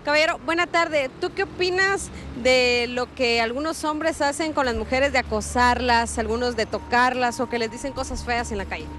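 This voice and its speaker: A woman's voice: high voice, fairly bright tone, slight background noise. A young woman reporter on a city street, interviewing passers-by with a handheld mic. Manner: brisk questioning. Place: busy city street by bus stop.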